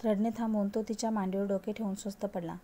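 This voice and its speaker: A woman narrates a story in a measured, even reading voice. Her tone is mellow and warm rather than bright, at a middle pitch, and she reads at a steady, unhurried pace. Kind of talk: read-aloud story narration.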